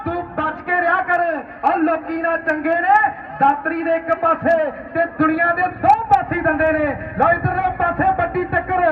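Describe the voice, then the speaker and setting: Male Punjabi kabaddi caller: frantic village commentary, very high voice, echoing tinny PA. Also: flat delivery, moderate pace. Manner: repeats phrases, chants rhyming couplets. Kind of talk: frantic rural sports commentary, shouted verse and calls. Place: outdoor village sports ground. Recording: echoey distant PA, tinny, faint noise.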